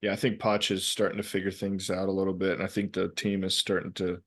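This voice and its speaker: A man's voice: low voice, monotone, quick pace, fairly bright tone. A man co-hosting a casual soccer podcast over a video call, rambling with lots of fillers and restarts. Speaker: podcast co-host.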